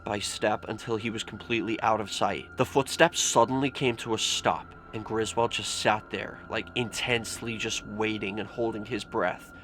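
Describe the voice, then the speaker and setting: A man's voice: lowish voice, fairly bright tone. A man telling scary stories in a casual, informal vlog style, with lots of filler "like". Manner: informal, mild swearing, frequent "like". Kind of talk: casual spoken storytelling. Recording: clearly noisy with background ambience.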